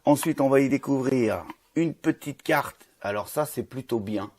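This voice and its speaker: A man's voice: medium pitch, normal speed, darkish tone, slight background noise. A man, chatting casually through an unboxing review with lots of fillers and restarts. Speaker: vape reviewer.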